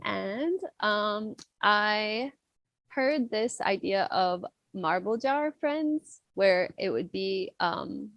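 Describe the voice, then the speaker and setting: A young woman guests on a casual podcast as a club member, rambling playfully with plenty of fillers and little acted voices. Her mid-range voice is creaky, and the recording is dry.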